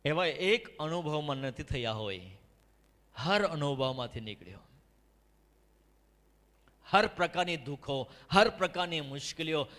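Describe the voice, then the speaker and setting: A man's voice: fairly high pitch, animated, a little slow, pauses often, a bit bright. A middle-aged male pastor preaching an impassioned sermon and calling on the congregation to answer him. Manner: impassioned preaching with call-and-response. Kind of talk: fiery sermon. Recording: echoey hall reverb.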